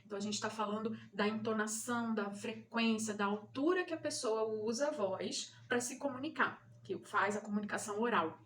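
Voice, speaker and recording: A woman's voice: a little high, moderate pace, few pauses, fairly bright tone. A woman from Brazil, a mother and channel host, explaining terms to parents in a patient teaching manner, often checking in with listeners. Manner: didactic, repeats key points, checks in with "né?" and "tá?".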